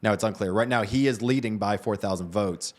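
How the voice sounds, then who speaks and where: Man, low voice, news co-host, conversational, hedging, restarts phrases. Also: a little fast. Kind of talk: casual news discussion.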